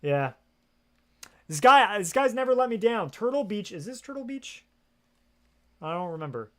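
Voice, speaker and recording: Guy streaming games at home on a headset, kinda high voice, rambly, swears a lot. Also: sing-song, normal speed. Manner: rambling, swears often, lots of fillers. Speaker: game streamer. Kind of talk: casual livestream chat. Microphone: gaming headset.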